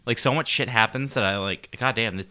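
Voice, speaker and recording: A man's voice: mid-range voice, a little fast, pushed and bright. A man co-hosting a podcast, explaining at length in rambling, profane casual chat. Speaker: podcast co-host.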